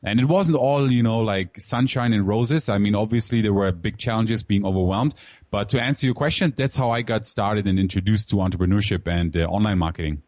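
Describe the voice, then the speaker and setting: A guest entrepreneur in his thirties who grew up in Germany tells his life story in a casual interview, candid and loose, full of "you know" and calling the host "man." His low, slightly mellow voice runs a little fast, recorded close and dry with no room sound.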